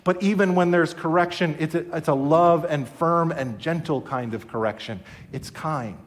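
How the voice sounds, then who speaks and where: A man's voice: fairly high pitch, moderate pace, slight background noise. A middle-aged man preaching a sermon as a pastor, earnest and conversational with his congregation.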